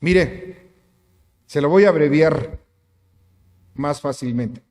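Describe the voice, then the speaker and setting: A man's voice: fairly high pitch, slow pace, darkish tone, in a large hall. A man preaching a sermon as pastor, emphatic, asking the congregation rhetorical questions. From Mexico. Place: church sanctuary.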